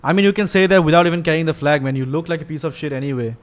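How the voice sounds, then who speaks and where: A man's voice: on the high side, very fast, a little hiss or hum. A man streaming and reacting to clips, talking in a blunt, profane, casual way. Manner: blunt, profane, laughing asides. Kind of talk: casual live-stream commentary.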